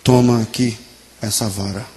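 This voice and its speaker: A man voicing a stern but loving mother who talks firmly and deliberately to her son. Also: on the low side, fairly even intonation, warm tone, natural voice. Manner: firm, measured, turning pleading.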